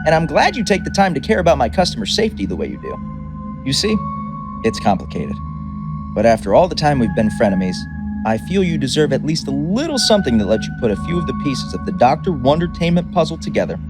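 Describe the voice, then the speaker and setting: A man's voice: medium pitch, wildly swooping pitch, fairly quick. A man voicing a grandiose, mercurial chaos god and toymaker, theatrical and boastful, turning chatty and wry. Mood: wry, confiding. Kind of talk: dramatic reading. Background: music.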